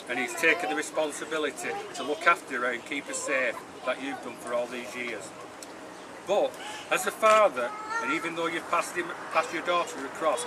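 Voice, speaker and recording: A man giving a rambling, halting best man speech at a wedding, informal and joking. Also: a little high. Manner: halting, joking, informal, loses his thread. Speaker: wedding speaker giving toasts. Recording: noisy outdoor recording with loud crowd. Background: crowd noise and ambience.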